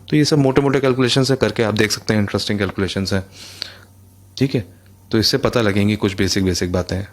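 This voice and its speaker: A man's voice: on the low side, gravelly. A man teaching a physics lesson, explaining in a chatty, conversational way and repeating phrases as he goes. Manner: conversational, addresses listeners as bhai, repeats phrases. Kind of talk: explanatory lecture.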